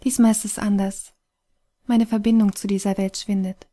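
A woman voicing a weary, wise phoenix spirit that is fading away, speaking calmly and softly in an audiobook reading. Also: mid-range voice, moderate pace, lightly acted. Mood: gentle, sorrowful.

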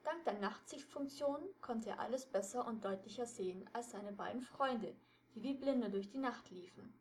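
A woman reading a detective story aloud with steady storytelling narration. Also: fairly high pitch, moderate pace, a little hiss or hum.

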